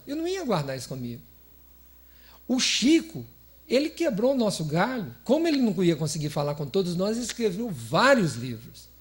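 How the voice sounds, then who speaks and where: A man from Brazil giving a chatty, playful spiritist lecture, laughing often and putting questions to his audience. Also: sits high. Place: lecture hall of a spiritist center.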